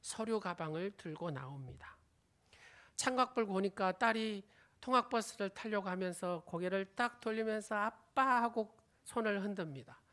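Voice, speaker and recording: A woman's voice: mid-range voice, lively intonation, normal speed, a bit bright. A woman preaching a sermon, telling an illustrative story and quizzing the congregation with questions, her sentence endings often fading to a whisper. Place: church sanctuary.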